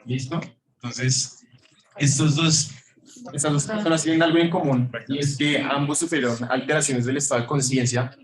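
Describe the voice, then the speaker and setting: A man's voice: a little high, steady tone, normal speed, a crowd in the background. A man teaching a classroom lecture that also goes out over Zoom, his voice ringing with heavy echo from a large room; easygoing and filler-heavy, he keeps quizzing the class. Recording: echoey room sound.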